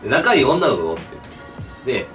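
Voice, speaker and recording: Lively young man with a Kansai accent. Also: medium pitch. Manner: lively, teasing, quick banter. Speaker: YouTube channel co-host. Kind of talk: casual chat. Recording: roomy, mic at a distance, music behind.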